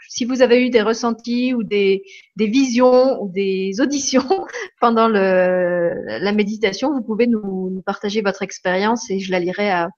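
A woman's voice: medium pitch, lo-fi sound. A woman hosting a live online chat, talking casually with many restarts and repeated words. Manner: hesitant, repeats words, laughs often. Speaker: host of a live meditation broadcast.

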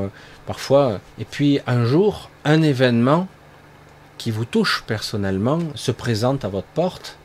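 A man's voice: medium pitch, a little hiss or hum. A man giving a loose spoken monologue on spiritual growth, rambling with lots of fillers and tag words. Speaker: spiritual speaker.

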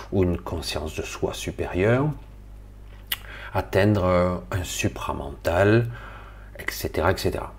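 A middle-aged man from Marseille, rambling casually and colloquially to viewers of his spiritual live stream. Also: sits low. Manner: rambling, colloquial, swears, talks to viewers directly.

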